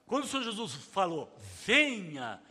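A man's voice: sits high, very animated, moderate pace, slightly rough, long reverb tail. A man preaching a sermon in a dramatic way, calling out the cries he reads aloud. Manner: dramatic, shouting out quoted cries.

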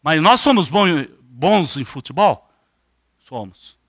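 A man's voice: fairly high pitch, slow pace, no echo, clean studio sound. An older man with a Brazilian accent preaching a sermon, putting questions straight to his congregation. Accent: Brazilian Portuguese. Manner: animated, questions the congregation directly.

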